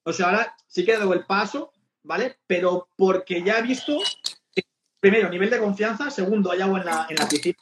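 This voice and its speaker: High-voiced chatty man, echoey lo-fi sound. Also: a little fast. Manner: chatty, rambling with frequent restarts. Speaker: podcast host. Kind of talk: casual podcast conversation. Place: lives in Barcelona.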